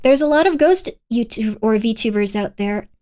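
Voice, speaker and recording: A woman chatting casually on a livestream in a playful, cute anime-streamer manner, animated and repeating phrases for emphasis. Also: a little high, normal speed. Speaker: VTuber livestreamer.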